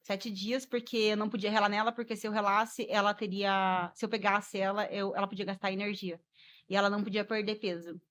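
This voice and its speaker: Woman, rapid delivery, expressive guest storyteller. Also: mid-range voice. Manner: expressive, laughs while telling, re-enacts dialogue. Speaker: guest mother sharing her story. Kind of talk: emotional personal storytelling.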